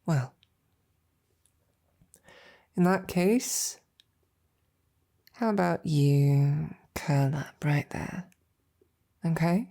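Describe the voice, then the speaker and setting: A woman plays a devoted, gentle female knight in an intimate ASMR roleplay, her delivery soft, breathy and tender with hesitant pauses. She uses a deep, exaggerated voice.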